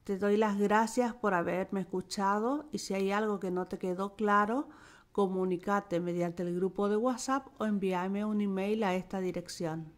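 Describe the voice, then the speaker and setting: A woman teaching a language lesson, dictating words and sounds one by one with careful pauses. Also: mid-range voice, steady tone. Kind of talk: slow, deliberate language lesson.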